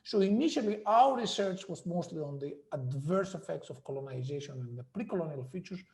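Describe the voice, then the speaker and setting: A man, an economics professor, explaining his research in a measured interview manner with frequent fillers. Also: a little high, animated, darkish tone, echoey room. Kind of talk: academic interview.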